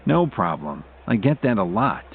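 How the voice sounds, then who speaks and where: A man voicing a calm, easygoing young man who speaks casually, in an audiobook with tinny phone-like audio. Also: low-pitched, fairly quick, slight background noise. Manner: casual, relaxed.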